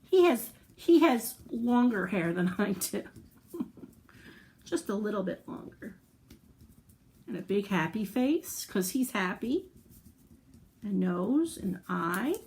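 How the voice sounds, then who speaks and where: A medium-pitched woman with a darkish tone tells a story to young children, very animated but taking it slowly and pausing often. Between reading, she chats with them encouragingly, using simple explanations and questions.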